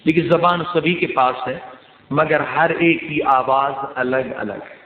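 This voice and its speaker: Male preacher, high voice, rhetorical repeated phrases, echoey hall, tinny old tape. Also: steady tone. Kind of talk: Urdu sermon.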